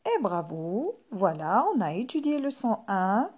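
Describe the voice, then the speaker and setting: A woman teaching a phonics lesson to young children, saying each word slowly and clearly and repeating it. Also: medium pitch, sing-song, lo-fi sound. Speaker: primary school teacher.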